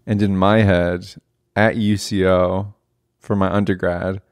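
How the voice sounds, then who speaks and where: Earnest young man with a low voice. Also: level tone, takes it slowly, no echo, studio quality. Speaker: podcast host. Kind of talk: casual conversational podcast talk.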